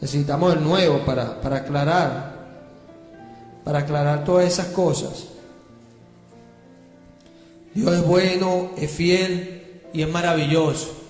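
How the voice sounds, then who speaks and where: A man with a high voice preaches emphatically, asking the congregation question after question. His voice carries through a hall with a long reverb, a faint bed of music underneath. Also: fairly even intonation, unhurried, pauses often, darkish tone. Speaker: pastor. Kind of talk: sermon. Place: church. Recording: echoey church hall with music.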